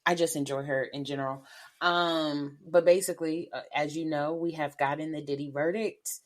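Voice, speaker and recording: Podcast co-host, woman, lowish voice, casual and animated with frequent laughs. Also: normal speed. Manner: animated, chatty, laughs often. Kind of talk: casual chat.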